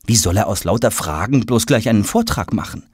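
A man narrating a children's audiobook in an expressive storytelling manner. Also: on the low side, brisk, breathy edge, no echo, clean studio sound.

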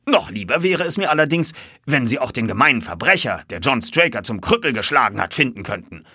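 A man voicing an agitated older colonel who owns racehorses, speaking loudly and excitably in a raised voice. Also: mid-range voice, fairly quick, husky, no room sound, studio quality, voice pushed up, full character voice. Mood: relieved, excited. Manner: loud, excitable, indignant. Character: agitated older male horse-owning colonel.

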